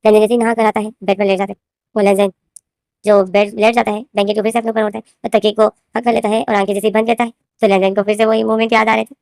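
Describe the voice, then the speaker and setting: This woman's medium-pitched voice is gravelly and a little mellow, with a flat delivery at a quick pace. Her throat is sore as she casually recounts a fanfiction story she wrote, rambling, repeating names and phrases, and addressing her viewers as "guys." The recording is dry and clean, made in a studio.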